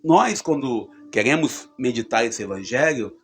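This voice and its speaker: A man's voice: mid-range voice, lively intonation, a little slow, a bit bright, slightly rough. A man giving a conversational gospel reflection, with fillers and emphatic rises. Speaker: preacher.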